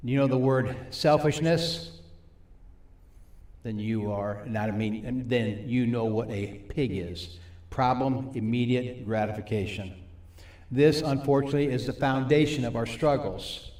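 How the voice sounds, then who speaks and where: A man's voice: mid-range voice, darkish tone, reverberant. Folksy man teaching a recovery group. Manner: folksy, repeats points slowly for the audience. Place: church meeting room with audience and monitors.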